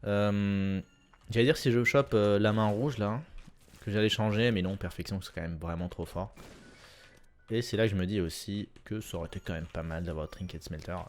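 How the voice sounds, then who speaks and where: Young man, lowish pitch, casual let's-play commentary, chatty, self-correcting, excited bursts. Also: normal speed, slight background noise. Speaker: gameplay commentator.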